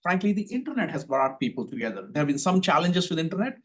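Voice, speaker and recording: An older man with an Indian accent, serving as a panel expert, earnestly answers audience questions. His voice is a little high and a bit bright, and he speaks fast and very animatedly. He often restarts sentences, repeating words as he begins, and shares personal anecdotes.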